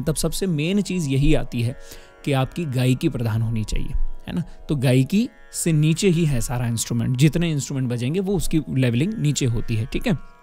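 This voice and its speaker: A man's voice: mid-range voice, mellow. A man teaching music, explaining patiently at a close mic and often checking with his students, with sung demonstrations over a harmonium. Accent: Hindustani. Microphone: close studio microphone. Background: harmonium playing.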